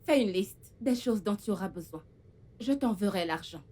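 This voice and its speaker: A woman's voice: medium pitch, expressive, normal speed, warm tone, close to an everyday voice. A woman dubbing a film role: a haughty, vain young woman who bosses her new housemaid around. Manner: haughty, commanding, scolding. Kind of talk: dubbed film acting.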